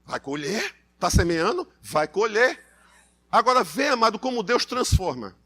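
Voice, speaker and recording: Brazilian male pastor, high bright voice, emphatic church sermon. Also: big pitch swings, measured pace. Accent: Brazilian Portuguese. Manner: emphatic, repetitive, addresses congregation as beloved.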